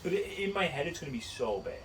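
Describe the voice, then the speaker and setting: A man co-hosting a podcast in casual chat, animated and incredulous, laughing often. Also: fairly high pitch, quick pace, a little hiss or hum, poor audio. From United States. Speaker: podcast co-host.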